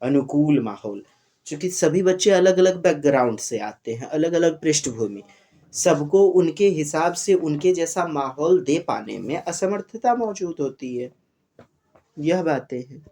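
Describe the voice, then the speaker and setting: Slow-talking male teacher. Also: on the high side, lively intonation, warm tone. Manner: mixes Hindi, Sanskrit and English, calls listeners "sahab", rising emphatic bursts. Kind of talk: exam-prep lesson explaining Sanskrit questions.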